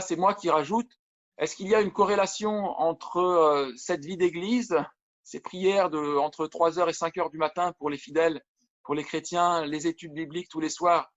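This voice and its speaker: Reading testimony aloud in a video sermon, a pastor keeps starting his phrases over. His voice sits fairly high and comes across earnest and searching, while the recording itself is dull and muffled.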